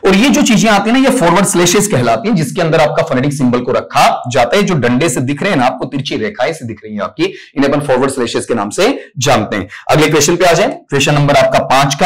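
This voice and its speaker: A male teacher gives a step-by-step exam-prep lesson. His voice sits fairly high for a man. He keeps posing questions to his class and then answering them himself. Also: low-quality recording. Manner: explains step by step, asks and answers own questions, calls students "beta". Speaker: English teacher.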